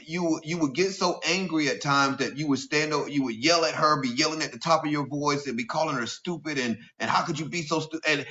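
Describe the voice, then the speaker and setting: A middle-aged man hosting a live stream, questioning a guest in a halting, accusing way full of restarts. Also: mid-range voice, pushed and bright. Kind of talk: confrontational questioning. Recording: muffled lo-fi audio.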